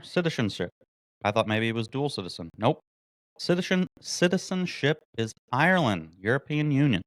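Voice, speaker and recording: Male podcast host, indignant commentary, low-set smooth voice. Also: dry recording. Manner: mocking, indignant, reads articles aloud. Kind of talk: political commentary monologue.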